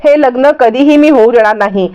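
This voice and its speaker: A protective, hot-tempered young man, as a woman reads his lines, speaks earnestly. The voice is high and the recording dull. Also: moderate pace, warm tone, clean tone, lightly acted.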